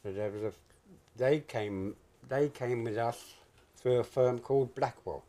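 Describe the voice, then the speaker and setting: Older British man reminiscing, mellow dark voice. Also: medium pitch, measured pace. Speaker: interviewee, retired stock jobber. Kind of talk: reminiscing in an oral history interview.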